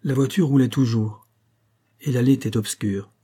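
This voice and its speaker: A man reading a novel aloud at an even, measured pace. His voice is dark and mellow with a husky edge. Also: medium pitch. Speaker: audiobook narrator. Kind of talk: scripted narration.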